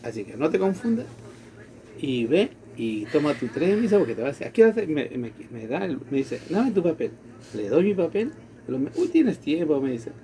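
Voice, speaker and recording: A man's voice: on the high side, moderate pace. A man from Latin America casually telling a personal story, acting out the quoted dialogue. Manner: animated, acts out quoted dialogue. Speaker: storyteller in conversation.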